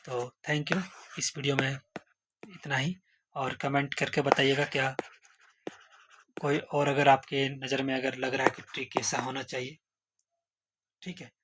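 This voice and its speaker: A man's voice: mid-range voice, a little slow, pauses often. Colloquial man. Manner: rhetorical questions, colloquial, playful mnemonics. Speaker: exam-prep teacher. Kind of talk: memory-trick lesson. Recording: noisy recording. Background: steady background noise.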